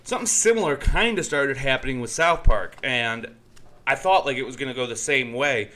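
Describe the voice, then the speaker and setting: Guy cohosting a podcast, bright voice, rambly, lots of um and like. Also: mid-range voice, moderate pace. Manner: loose, rambling, many fillers. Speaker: podcast co-host. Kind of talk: casual news chat.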